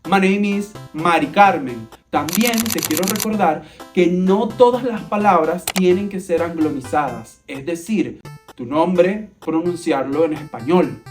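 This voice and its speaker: A woman with a Venezuelan accent talks through a casual English lesson. She is playful and chatty and sprinkles her explanations with local slang. Soft guitar music plays faintly behind her. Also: lowish voice. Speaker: English teacher.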